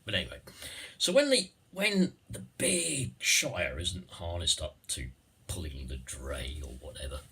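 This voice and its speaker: A man's voice: rumbling low, bright, forceful tone, a little hiss or hum. A man giving a rambling, satirical monologue in a theatrical, digressive way, repeating phrases and tagging on questions.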